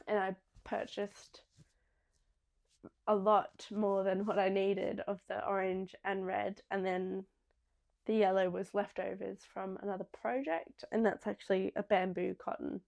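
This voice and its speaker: Unhurried and gravelly, this young Australian podcast host speaks in a mid-range, darkish voice with little pitch movement. Her talk is a casual, rambling chat full of ums and little restarts.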